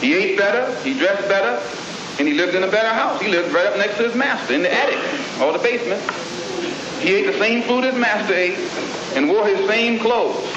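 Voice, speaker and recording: A man delivering a speech to an audience in rhythmic, measured oratory with pointed emphasis, from an old archival recording. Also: sits high, animated, a crowd in the background. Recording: old echoey, dull, noisy hall recording.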